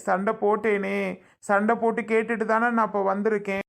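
A woman's voice: medium pitch, little pitch movement, fairly quick, gravelly, lightly acted. A woman playing a young son-in-law who begs his mother-in-law, repeating himself. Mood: pleading. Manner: begging, repetitive. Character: tearful pleading son-in-law, young man.

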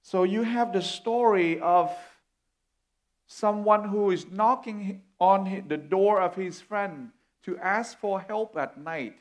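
Speaking slowly in a high voice, a middle-aged man from Vietnam delivers an earnest sermon as a guest on a church stage. He comes across warm and sincere, gesturing while he preaches.

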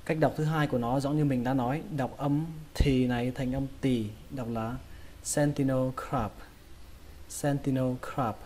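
A man teaching English pronunciation in a casual lesson, repeating each word slowly and carefully. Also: medium pitch, steady tone, dark tone, slight background noise. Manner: slow, drawn-out repetition of words.

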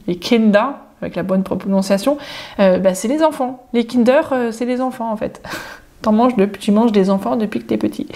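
A woman giving a casual, spontaneous spoken lesson, chatting informally with the viewer and slowing down to say German example phrases. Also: fairly high pitch. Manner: addresses the viewer informally, jokes. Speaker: German teacher.

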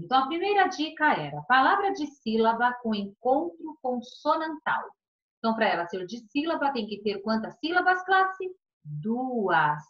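Lively Brazilian woman teaching children. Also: on the high side, highs cut off. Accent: Brazilian Portuguese. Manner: warm, patient, sing-song explaining to children. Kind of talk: online class lesson.

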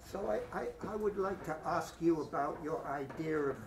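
A man's voice: a little high, moderate pace. Man questioning from the floor, far off. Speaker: audience member asking a question. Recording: distant mic with faint room noise.

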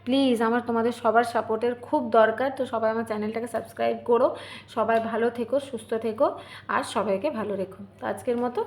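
Woman, young adult, home vlogger, rapid chatty delivery, slightly high voice. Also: steady tone, darkish tone. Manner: chatty, speaks straight to viewers. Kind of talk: casual home vlog.

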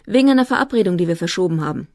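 A woman reading the lines of a teenage girl in an audiobook, voicing her a little higher and brighter. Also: animated, racing, dry recording, studio quality, natural voice. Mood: evasive. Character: teenage girl, quick to annoyance.

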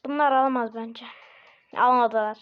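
A woman hosting casual gameplay commentary, chatty and bursting into excited shouts at the game. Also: a little high, measured pace. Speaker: gaming channel host. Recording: muffled lo-fi recording with faint game music.

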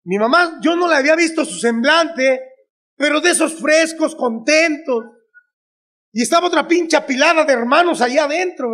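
A man with a Mexican accent telling a crude comic story to an audience, swearing constantly, with shouted bursts and acted-out lines from his mother. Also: extremely high pitch. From Guanajuato, Mexico.

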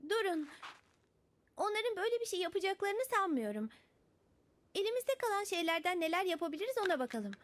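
A woman's voice: extremely high pitch, very animated, fairly quick, pauses often. A woman voicing a kind, eager young heroine in a Turkish cartoon dub. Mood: determined.

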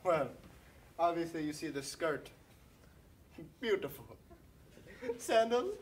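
A woman playing a gushing, devoted designer who fusses over her prince, talking theatrically with squealing high leaps. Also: animated, takes it slowly, a little mellow. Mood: adoring. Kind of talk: improvised comedy skit.

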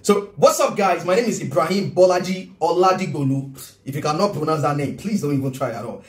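A man's voice: fairly high pitch, brisk. A man in his thirties with a Nigerian accent, talking casually and earnestly to camera from his home kitchen. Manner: animated, gestures a lot, earnest. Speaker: vlogger and business coach. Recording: roomy room echo.

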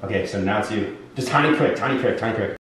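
A man's voice: lowish voice, quick pace, fairly bright tone, slight background noise. A young man talking casually and slangily to his viewers as a vlog host. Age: young adult. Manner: slangy, addresses viewers directly. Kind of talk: casual vlog talk to camera. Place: indoors in rooms and kitchen of a large house. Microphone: handheld camera at arm's length or set nearby. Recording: echoey indoor room, faint music underneath.

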